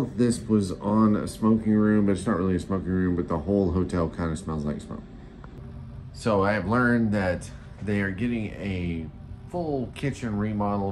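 A low-voiced travel vlogger in his forties rambles bluntly and casually, with mild profanity, while reviewing a motel room. He moves through hotel rooms and indoor hallways, holding his phone at arm's length. The handheld phone recording is noisy.

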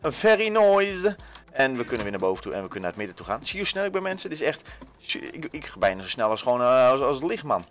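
A man's voice: mid-range voice, rapid-fire. A young man with a Dutch accent giving casual, jokey gameplay commentary to his viewers, swearing and full of fillers. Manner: energetic, jokey, swears, shouts when panicking; many fillers, talks to viewers. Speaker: gaming YouTuber.

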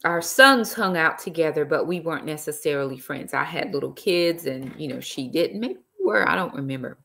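A middle-aged woman with a deep, expressive, slightly bright voice and vocal fry speaks briskly. The author hosts a casual stream on her laptop webcam from an armchair in a small indoor room, peppering her talk with "y'all" and praise interjections.

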